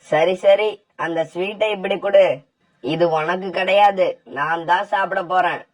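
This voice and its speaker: A woman's voice: fairly low pitch, fairly even intonation, a little slow, low-quality recording. A woman voicing a kind, trusting young husband bird in a cartoon, with an affectionate, plain-spoken delivery. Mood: cheerful. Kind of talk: cartoon voice acting.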